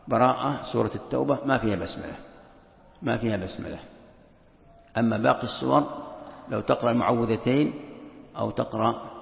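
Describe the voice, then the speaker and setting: A man's voice: medium pitch, gravelly. A man who is an Islamic scholar, teaching a classroom lesson, repeating key phrases and asking and answering his own questions. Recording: echoey, dull lo-fi hall recording.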